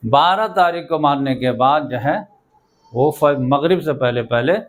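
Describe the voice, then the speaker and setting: Male teacher, fairly high voice; lecturing, asks questions, then answers them himself. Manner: quizzes listeners and answers himself; repeats checking "okay?" often. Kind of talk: classroom lesson with questions.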